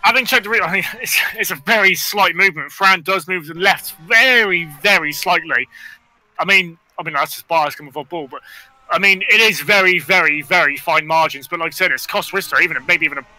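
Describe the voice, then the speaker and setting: A man's voice: high voice, a little fast, pushed and bright, low-quality recording. A man giving analytical live race commentary as a co-commentator, thinking aloud and qualifying his points. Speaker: motor racing co-commentator.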